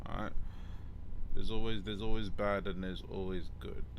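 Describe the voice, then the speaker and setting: Low-voiced London roadman podcast host. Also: flat delivery, normal speed. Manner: urban London street slang; repeats words and phrases. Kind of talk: casual podcast chat.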